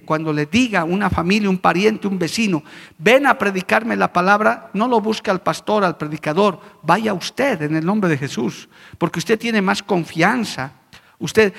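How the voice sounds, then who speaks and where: A man's voice: sits high, vocal fry, fairly bright tone, big-room sound. A man preaching as pastor, earnestly addressing the congregation as brothers. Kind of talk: sermon.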